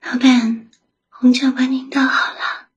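A woman whispering softly as an attentive young secretary who looks after her boss in an ASMR roleplay. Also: high-pitched, little pitch movement, unhurried, breathy edge, highs cut off, heavily acted. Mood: caring. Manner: soft whispering, gentle and solicitous.

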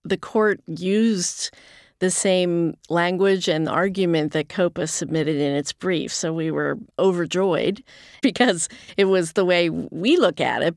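A woman's voice: fairly low pitch, a little slow, gravelly, no room sound, studio quality. A woman in her sixties, a guest on an interview, explaining things earnestly in a conversational way. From United States. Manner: earnest and explanatory, with occasional laughs. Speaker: nonprofit chief executive, guest.

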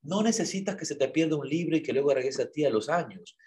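Animated man with a lively pitch. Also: fast talker. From Ecuador. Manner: animated storyteller with rhetorical questions. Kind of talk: casual talk-show chat.

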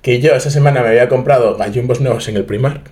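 A man's voice: mid-range voice, quick pace, a little mellow. A young man with a Madrid accent, co-hosting a casual podcast chat and telling stories animatedly, acting out his own reactions. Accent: Madrid Spanish. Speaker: podcast co-host.

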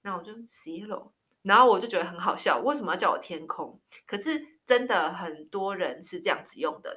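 A woman's voice: lowish voice, sharp tone. A woman in her thirties teaching Spanish words in a casual, chatty way, spelling them out letter by letter. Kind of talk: casual language lesson.

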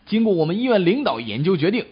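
A man playing a cheerful male doctor who calmly and politely tells a patient bad news, in a comic sketch. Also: high voice, fast, husky, full character voice. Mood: blithe. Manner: polite, matter-of-fact. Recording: dull lo-fi recording.

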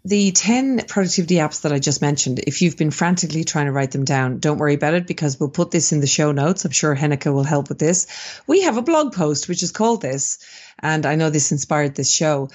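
Low husky-voiced Irish woman. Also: lively intonation, fairly quick, a little mellow, highs cut off. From Ireland. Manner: upbeat, conversational, gives practical tips. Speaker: guest, business founder. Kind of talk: podcast interview.

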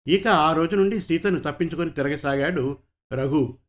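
A man narrating a story aloud in an even, measured reading style. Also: on the high side. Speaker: story reader.

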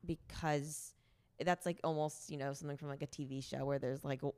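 With a deep, steady, darkish voice and a slightly fast pace, a woman in her late twenties hosts a podcast, chatting informally through a casual in-person interview and using "like" liberally. The tone is clean, with no echo.

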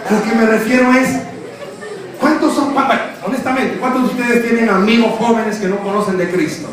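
Young man, comic youth preacher, high voice, booming echo of a church hall, off-mic with the congregation audible. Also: fairly even intonation, moderate pace, distant mic. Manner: joking, teasing the crowd, acting out quotes. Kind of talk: humorous youth sermon.

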